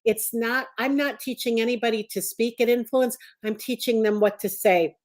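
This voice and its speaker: A woman's voice: a little high, fairly even intonation, normal speed. A woman hosting a podcast over a video call, chatty and encouraging toward her guest. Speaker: podcast host. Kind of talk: conversational interview hosting.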